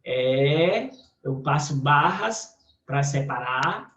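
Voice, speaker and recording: A man's voice: fairly high pitch, animated, very slow, a bit bright. A male teacher with a Brazilian Portuguese accent, patiently explaining a recorded lesson with many check-ins to the class. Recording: echoey room, dull lo-fi audio.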